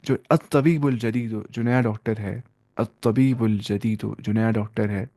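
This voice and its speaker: A man's voice: lowish voice, fairly even intonation, dark tone, dry recording, studio quality. A man with a Pakistani Urdu accent teaching an Arabic grammar lesson. He reads Arabic phrases, then translates and repeats each one in Urdu.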